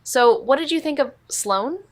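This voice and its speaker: An actress with a high-pitched voice plays an observant, understated investigator in a noir audio drama, delivering narration and dialogue in a measured, deadpan, casual way. The recording is dry.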